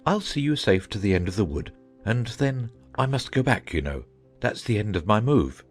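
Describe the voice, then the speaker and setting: A man voicing a gentle, eccentric knight in a storybook audiobook, earnest and friendly, with a husky voice. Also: fairly low pitch, animated, normal speed, soft background music. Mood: kindly, pleased. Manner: friendly, earnest, swooping intonation.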